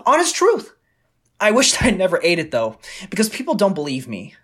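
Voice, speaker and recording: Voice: medium pitch, huge pitch swings, normal speed, a bit bright. A woman doing a timid, earnest young boy. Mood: eager. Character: boy Billy, around nine, timid and earnest. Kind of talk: table read of a screenplay.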